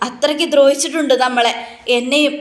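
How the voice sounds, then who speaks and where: A woman's voice: high-pitched, steady tone, fast talker, lightly acted. A woman voicing a bitter, vengeful mother who talks grimly of revenge. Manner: grim, spiteful talk of revenge. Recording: echoey room.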